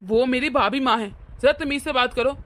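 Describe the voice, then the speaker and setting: A woman voicing a mild-mannered husband in an animated cartoon, speaking in a placating, reasonable way. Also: high-pitched, normal speed. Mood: explaining.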